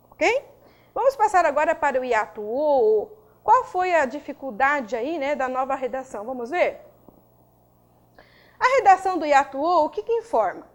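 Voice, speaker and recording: Woman, high-pitched, grammar teacher, didactic, recorded video lesson. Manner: didactic, checks in with frequent tags.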